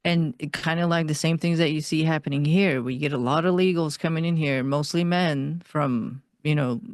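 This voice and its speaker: A woman from Iran, a guest on an interview podcast, telling her life story in an earnest, steady way. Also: low voice, normal speed, no room sound, clean studio sound.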